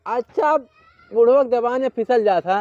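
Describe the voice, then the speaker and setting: A man's voice: very high-pitched, moderate pace, a little mellow, no echo, dull audio. Grumbling older Awadhi man. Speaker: retired father-in-law in a sketch.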